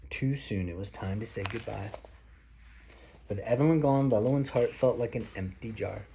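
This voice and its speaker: This father's voice is fairly low, creaky, and mellow, moving at normal speed as he reads a picture book aloud to a child and explains things plainly in casual asides. Faint noise sits in the background.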